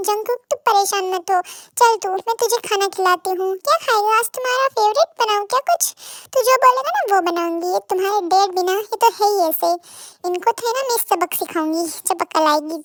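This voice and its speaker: A doting, fussy middle-aged mother spoils her son and scolds her husband, played by a performer with a very high voice. Her voice is very high and sits close to the mic in a dry room. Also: a bit bright, no echo.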